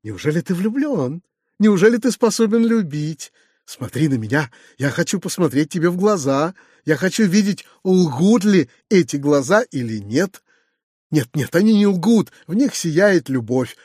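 A man's voice: very animated, a little slow, a little mellow, breathy edge, no room sound, clean studio sound, exaggerated voice. Man doing a gushing, fluttery old-maid lady. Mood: ecstatic gushing. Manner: breathless, exclaiming, high-strung. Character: giddy, gushing elderly spinster lady.

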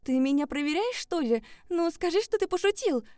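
A woman's voice: sits high, moderate pace, warm tone, no echo, voice pushed up, lightly acted. A woman voicing a young woman in love who pleads tearfully and desperately, in an audiobook. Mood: pleading. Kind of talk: audiobook character voice.

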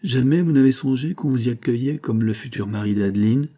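A man's voice: mid-range voice, brisk, warm tone, close to an everyday voice. A man reading the lines of a proud young woman who firmly turns away a suitor, in a restrained, firm voice.

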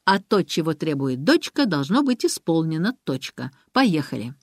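A woman reading a middle-aged father in a storybook, tender and self-ironic, speaking soft and lowered. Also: big pitch swings, normal speed, no echo, studio quality. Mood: warm teasing. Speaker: father, former musician.

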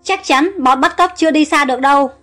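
A woman's voice: sits high, a little fast, a bit bright, faint music behind. A woman voicing a proud young prince. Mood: commanding. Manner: commanding, imperious. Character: anguished young male prince, proud and commanding.

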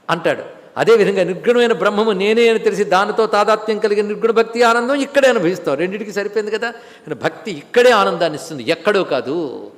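A male spiritual lecturer giving a devotional scripture discourse, chanting verses in a sung cadence and then explaining them with lively storytelling. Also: high-pitched. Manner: storytelling with lively rises and drops. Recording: long hall reverb.

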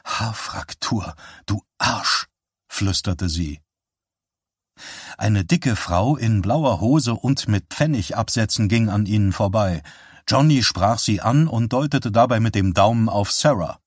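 A man narrating an audiobook with even, measured storytelling. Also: on the low side, dry recording, clean studio sound. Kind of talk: scripted narration.

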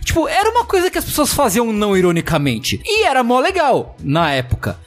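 High-voiced São Paulo man chatting casually. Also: wildly swooping pitch, fairly quick, faint music behind. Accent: Brazilian Portuguese, São Paulo. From São Paulo, Brazil. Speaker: podcast co-host. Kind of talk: casual group chat, reminiscing.

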